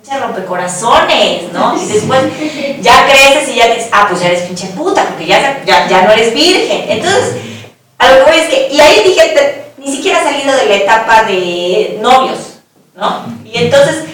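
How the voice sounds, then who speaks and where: A woman's voice: on the high side, unhurried, a little hiss or hum. Frank Mexican woman, echoey distant room. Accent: Mexican Spanish. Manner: frank, animated, swears casually. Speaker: panelist. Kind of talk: candid personal testimony in a discussion.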